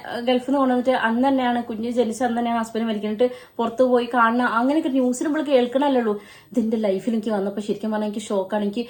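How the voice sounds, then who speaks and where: A young woman, telling a personal family story in an earnest, halting way with restarts. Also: on the high side. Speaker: family vlogger.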